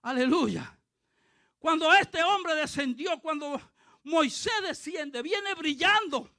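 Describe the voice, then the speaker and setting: A male pastor preaching a fervent sermon, dotting it with hallelujahs and rising to shouts. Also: very high-pitched, expressive, takes it slowly, no echo, clean studio sound. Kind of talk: impassioned sermon.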